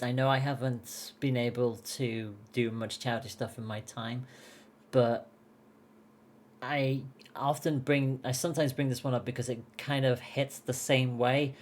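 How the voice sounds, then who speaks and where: A woman's voice: rumbling low, darkish tone. A woman hosting a casual podcast chat, talking openly and emotionally and laughing often. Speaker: podcast host and esports caster.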